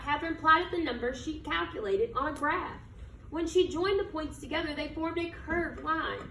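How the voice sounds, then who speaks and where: A woman with a high, sharp voice reads a children's picture book aloud, using emphatic, dramatic phrasing and asking her listeners questions. The recording has a roomy echo, a distant mic, and background noise.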